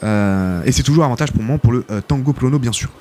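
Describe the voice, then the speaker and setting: A man casting a live esports tournament as host, excitable and chatty, full of filler interjections. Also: mid-range voice, fast. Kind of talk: live game commentary. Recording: game music behind the voice. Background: game music.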